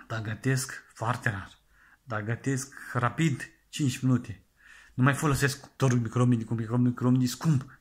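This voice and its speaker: Rambling man in a comic monologue. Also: medium pitch. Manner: rambling, earnest and halting, with many restarts. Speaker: comedian playing an extreme penny-pincher. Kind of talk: comedic monologue sketch.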